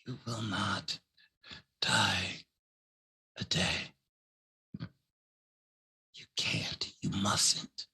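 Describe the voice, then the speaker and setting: Man voicing hushed, breathy, possessive vampire mother goddess. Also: fairly low pitch, fairly even intonation, voice pushed down, exaggerated voice. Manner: slow, hushed, solemn, breathy delivery. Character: Lilith, seductive maternal vampire goddess, coldly possessive.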